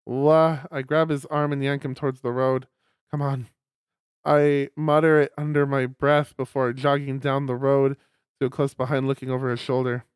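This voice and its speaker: A man streaming a visual novel, reading the story aloud in a lowered voice with loud reactions. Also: clean tone, dry recording. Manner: reads narration in a lowered voice, reacts with loud exclaims. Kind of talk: reading a story game aloud with chatty asides.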